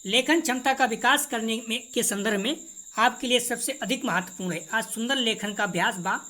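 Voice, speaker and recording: Woman, exam prep teacher, reads options then answers, higher pitch. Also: normal speed, bright, forceful tone. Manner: informal, addresses students directly. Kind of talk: reading exam questions and answers.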